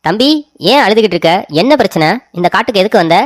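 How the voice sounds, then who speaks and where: A man's voice: sits high, animated, quick pace, no echo, clean studio sound. Man doing a boastful old forest sage, short on patience, cartoon story. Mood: impatient. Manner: impatient, boastful.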